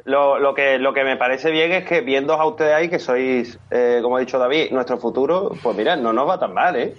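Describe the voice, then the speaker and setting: A man's voice: medium pitch, a little fast, a little hiss or hum. A man chatting casually as a guest, bantering over a lo-fi video call.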